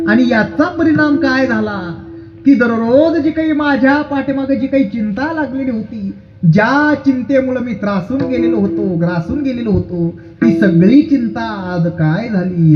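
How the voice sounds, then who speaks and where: High-voiced male kirtan preacher with music. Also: muffled recording. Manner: rhetorical questions, storytelling, breaks into song. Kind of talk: devotional kirtan sermon with sung verses.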